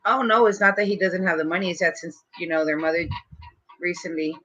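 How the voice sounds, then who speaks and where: Young female, casual stoner chat, slang and swearing, sharp tone, dull home recording. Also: lowish voice, fairly quick. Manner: slangy, profane stoner talk. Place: small dim bedroom indoors.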